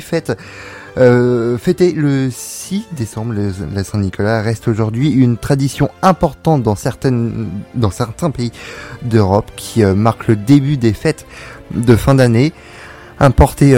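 A man reads his segment on a casual radio show, pausing often and fixing his own slips. His voice is dark and mellow, with a fairly low pitch. Faint music plays in the background. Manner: hesitant, many fillers, self-correcting. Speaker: radio co-host. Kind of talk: casual radio chat, reading notes.

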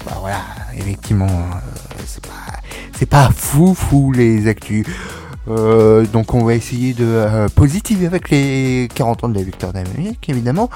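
A man's voice: medium pitch, expressive, normal speed, mellow. A young man hosting a casual radio show, reading music news with many fillers and joking asides.

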